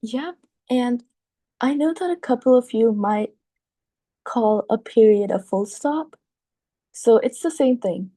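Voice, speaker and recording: A woman's voice: on the high side, lively intonation, slow, pauses often, warm tone, no echo. A woman explaining grammar to children in a friendly, informal way. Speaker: teacher. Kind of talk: casual explanation for kids.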